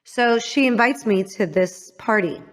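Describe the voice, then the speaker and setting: Candid and halting, a podcast host from the US Midwest shares a painful chapter of her life with a guest. When things get hard, her voice sinks to a low, soft register.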